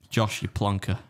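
A man hosting a podcast, teasing his guest in casual chat with lots of restarts. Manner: teasing, laughing, hesitant restarts. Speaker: podcast host. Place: podcast studio.

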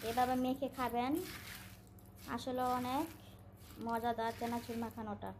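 Chatty high-voiced woman cooking at home. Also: little pitch movement, unhurried, background noise. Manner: chatty and homely, coaxing a small child. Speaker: home cooking vlogger and mother. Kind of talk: casual home cooking vlog.

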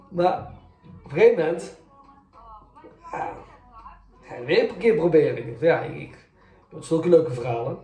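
Male journalist, candid first-person storyteller; dark mellow tone, echoey room. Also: fairly high pitch. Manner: candid, reflective retelling, acting out both sides of arguments. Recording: roomy echo, faint music.

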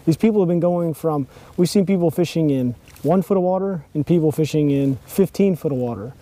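A young man, chatting excitedly from a bass boat on a lake while he fishes and films himself on an action camera. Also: brisk. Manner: excitable, chatty, lots of exclamations. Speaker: fishing vlogger. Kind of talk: casual outdoor chat while fishing. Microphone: action camera mounted on the boat.

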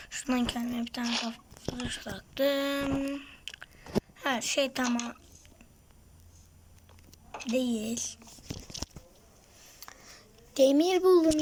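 A woman's voice: a little high, a little hiss or hum. A woman giving casual gameplay commentary, muttering to herself and often dropping to a whisper. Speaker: gaming streamer.

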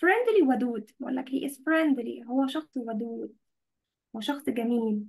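High-voiced Egyptian woman teaching online. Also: moderate pace, creaky, darkish tone. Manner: mixes Arabic and English, checks in often with students. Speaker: English teacher. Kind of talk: online class explaining vocabulary.

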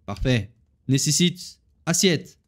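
Man, gameplay commentary, chatty, very animated pitch, playful. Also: slow. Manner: chatty, talks straight to viewers while playing; playful, laughs at himself. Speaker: gaming video host.

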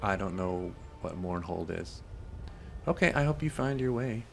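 A man hosts a let's play in a loose, rambling commentary, teasing himself and talking back to the characters on screen. His voice is deep and gravelly, and he takes his time. Faint music plays behind him. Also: lively intonation, measured pace. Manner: rambling and self-deprecating, talks to the game characters. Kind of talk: casual gameplay commentary.

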